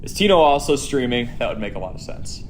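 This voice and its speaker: Very animated and quick, a man with a medium-pitched voice hosts a casual stream, gaming while he chats with and answers his viewers. Without headphones, audio plays through his device in an echoey room, and a little hiss or hum can be heard.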